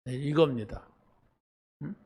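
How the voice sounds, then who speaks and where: A man's voice: fairly high pitch, takes it slowly, gravelly, darkish tone, slightly rough. A middle-aged man preaching a sermon in a casual, conversational way, full of fillers and rhetorical questions. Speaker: pastor.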